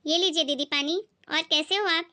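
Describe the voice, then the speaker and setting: A woman's voice: sits high, fairly even intonation, normal speed, bright, forceful tone, slight background noise. A woman voicing a meek young daughter-in-law who talks politely and pleadingly in a cartoon story.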